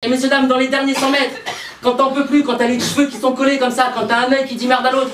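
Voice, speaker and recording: Male stand-up comedian, rapid animated storytelling, echoey live room, distant mic, loud background noise. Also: very high voice. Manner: animated storytelling, addressing audience members. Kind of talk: stand-up routine. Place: live stage with audience laughter.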